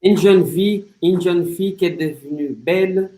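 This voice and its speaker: A man's voice: sits high, moderate pace, warm tone. Hesitant man answering from a roomy distance. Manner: hesitant, restarts phrases. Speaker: student. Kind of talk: answering in class.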